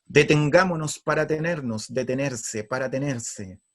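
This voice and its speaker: Husky-voiced man giving an earnest talk. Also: mid-range voice, a little slow. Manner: earnest, emphatic, storytelling. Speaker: spiritual speaker. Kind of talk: motivational spiritual talk.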